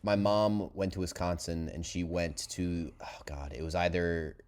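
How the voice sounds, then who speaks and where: A young man, a guest on a sports podcast, telling a story in a halting way with many restarts. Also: low-pitched, fairly even intonation, a little mellow, clear, resonant tone. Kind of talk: casual sports podcast chat.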